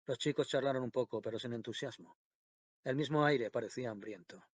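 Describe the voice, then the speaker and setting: Man calmly reading a novel aloud. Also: medium pitch, a little fast, no room sound. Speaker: audiobook reader. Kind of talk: scripted literary narration.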